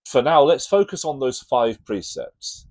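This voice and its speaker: A man hosting a video series, explaining religious ideas in an informal, tentative way, pausing with ums and correcting himself as he reads from notes. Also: medium pitch, big pitch swings, darkish tone. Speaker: channel host teaching Buddhism. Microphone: reading from notes to camera.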